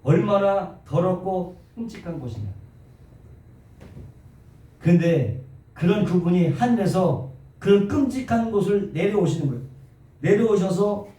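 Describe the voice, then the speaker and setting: A male pastor preaching a sermon in a church, animated and full of rhetorical questions to the congregation. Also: high-pitched, measured pace, long pauses. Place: church sanctuary. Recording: very echoey church hall, distant mic.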